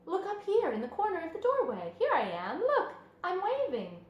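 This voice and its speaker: Small female storybook spider, voiced by a woman. Kindly, refined, high thin voice; echoey room. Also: huge pitch swings, moderate pace, dull audio, full character voice.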